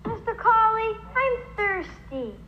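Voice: very high voice, very animated, slow, over music, heavily acted. A young performer playing a whiny, thirsty child in a 1970s TV show, on a tinny, noisy recording. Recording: tinny, noisy old TV clip.

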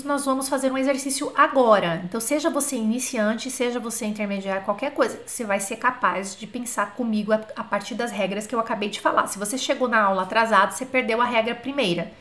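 A woman teaching French in a live online class, chatty, asking questions and dictating words slowly. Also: on the high side, a bit bright. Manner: slow, drawn-out dictation of example words.

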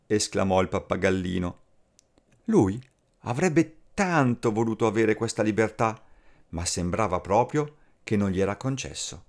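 A man reading a fairy tale aloud as a storyteller, slow and expressive. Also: fairly low pitch. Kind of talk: scripted fairy tale narration.

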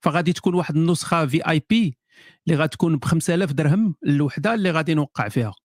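A man's voice: a little high, rapid-fire, dry recording, studio quality. A man with a Moroccan accent chatting casually on a live stream as an author answering viewers, sardonic, often repeating and restarting his phrases.

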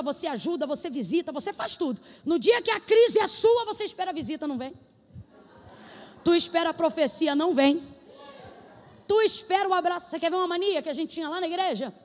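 High-pitched woman preaching in a reverberant hall. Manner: shouted prophetic declarations, then conversational. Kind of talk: sermon.

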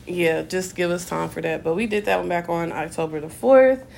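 A woman's voice: on the low side, normal speed, creaky, a little mellow, slight background noise. A woman co-hosting a podcast in a laid-back casual chat, joking and swearing freely. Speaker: podcast co-host.

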